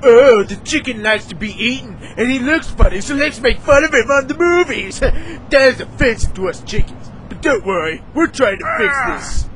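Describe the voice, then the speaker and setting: A young man voicing a proud, easily offended male chicken in an amateur game-engine comedy, whiny and quick to shriek in panic. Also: very high-pitched, animated, fairly bright tone, a little hiss or hum. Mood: indignant. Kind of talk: amateur machinima voice acting.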